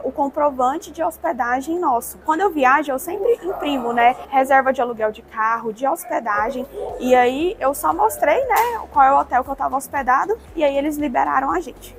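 A woman from Brazil talks through her travel vlog in a high, bright-sounding voice. She is friendly and chatty and speaks straight to her viewers. Faint background noise sits under the voice. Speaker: travel vlogger.

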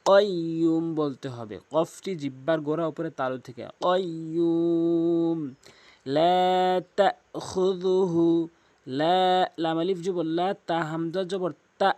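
Man teaching slow, drawn-out recitation. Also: on the high side, steady tone, a little mellow, no echo. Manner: alternates quick explanations with slow, drawn-out recited words; corrective, points out common mistakes. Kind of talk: tajweed lesson.

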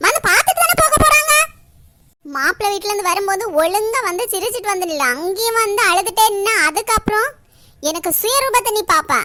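A bossy cartoon aunt scolds loudly in a shrill, piercing voice, as a woman acts her out. She is harsh and threatening. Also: fast talker. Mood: scolding. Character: stern scolding older aunt.

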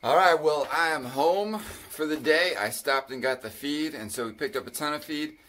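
A man's voice: on the high side, moderate pace, background noise. Easygoing man vlogging on a farm. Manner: easygoing, chatty, thinking aloud with fillers. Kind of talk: casual vlog narration. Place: outdoors on a farm.

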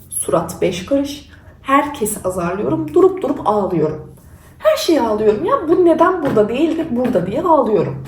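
A young woman tells her own story in a casual, candid way, poking fun at herself. Her voice sits a little high. She sounds set back from the microphone in an echoey room with a faint hiss underneath. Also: a little mellow. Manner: candid and self-mocking. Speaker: vlogger. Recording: roomy sound from a distance.

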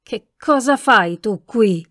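A woman's voice: fairly high pitch, lively intonation, takes it slowly, no echo, clean studio sound. A woman voicing a powerful, enraged colonel who thunders his words in an audiobook. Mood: stern questioning.

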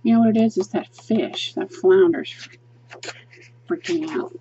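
A woman reviews a coloring book at an indoor table, her hands visible flipping pages while she gushes chattily and says um often as she thinks aloud. She speaks at a measured pace in a mellow mid-range voice, on a lo-fi recording with slight background noise.

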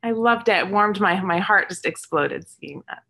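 A middle-aged woman, born and raised in English-speaking countries with Palestinian roots, hosts a children's Arabic storytime over a webcam from a home room lined with shelves of toys and books. She teaches numbers to young kids on a video stream, cheerful and encouraging, slowly repeating words. Her medium-pitched voice is gravelly, bright, and forceful, with lively intonation, picked up close by the webcam on a video call.

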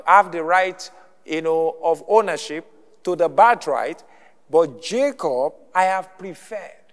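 Male pastor, higher-pitched voice, sermon with call-and-response checks, church hall with long reverb. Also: fairly bright tone, clean tone.

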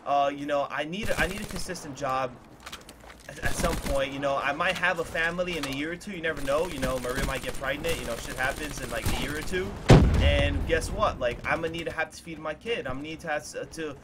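A man in his early twenties with a slightly high voice speaks earnestly from a small room at home, rambling and circling back on his points with many fillers. He talks into a desk mic. Gunfire from a video game is clearly heard behind his voice. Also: fairly quick, noisy background. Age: 20s. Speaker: gaming YouTuber. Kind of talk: candid talk to viewers over gameplay.

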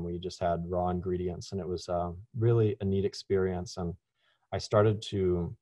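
A man's voice: deep voice, dry recording, lo-fi sound. A man from Louisiana giving a casual online webinar talk as a university food science presenter, with frequent ums and restarts. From Louisiana, USA. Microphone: video call.

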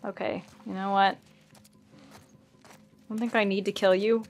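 A woman's voice: medium pitch, flat delivery, moderate pace, a little mellow, faint music behind. A young adult woman giving casual gameplay commentary as a streamer, sarcastic and talking to the game. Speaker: gaming streamer. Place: small indoor home streaming room. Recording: game sounds behind the voice. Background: video game sounds.

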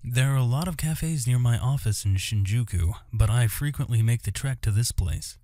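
A man of medium pitch and warm tone hosts a gaming video at a moderate pace, with slight hiss or hum in the recording. Reading visual novel text aloud, he adds asides and stumbles over some words and names, backed by game music featuring guitar.

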